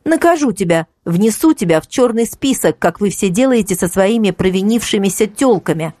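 A woman's voice: mid-range voice, lively intonation, moderate pace, mellow, dry recording, clean studio sound, voice pushed up, lightly acted. A woman voicing a young woman who answers her ex in a steely, sarcastic tone in an audiobook. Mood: cold sarcastic.

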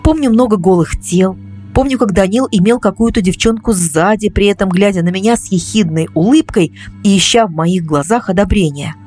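A woman reading a first-person story aloud as an audiobook in a confessional, calmly explaining way. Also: medium pitch, fairly quick, soft background music. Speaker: audiobook narrator.

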